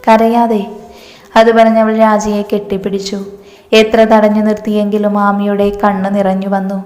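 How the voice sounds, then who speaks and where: A woman storyteller reading a scripted family drama in a steady way. Her voice is flat and even in pitch. The recording has a roomy echo with a long hall-like reverb. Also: moderate pace. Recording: echoey room with long reverb.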